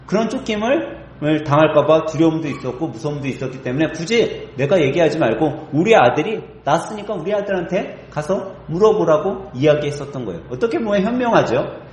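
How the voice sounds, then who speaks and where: A man preaching an expository sermon as a pastor. He keeps asking the congregation rhetorical questions. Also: on the high side. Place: church sanctuary. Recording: echoey church hall.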